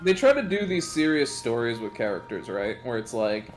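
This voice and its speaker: A man streaming a game, chatting casually with friends, animated and swearing often as he mimics characters. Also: mid-range voice, normal speed, soft background music. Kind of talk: casual gaming chat.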